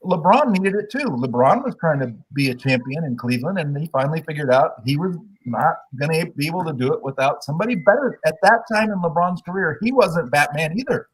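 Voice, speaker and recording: A man guesting on a sports podcast, telling opinionated stories in a casual, animated way. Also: on the high side, a little fast, few pauses, slightly rough, low-quality recording.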